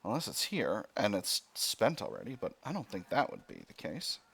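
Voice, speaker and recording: A man's voice: on the low side, huge pitch swings, moderate pace, creaky, fairly bright tone, husky. A man hosting a video game let's play, thinking aloud as he talks through each decision step by step with mild exclamations.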